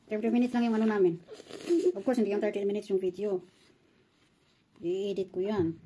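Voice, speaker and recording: A young adult woman, a mother, chatting casually to her viewers as she works through a care task and gently coaxes her child. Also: mid-range voice, slight background noise. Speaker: mother caring for her baby. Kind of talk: casual vlog talk to viewers.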